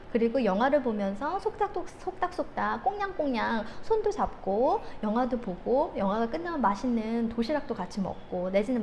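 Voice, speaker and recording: A woman's voice: on the high side, slight background noise. A woman counselor giving a lecture on handling anger, telling stories vividly and acting out the scenes. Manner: animated storytelling, acts out quoted scenes.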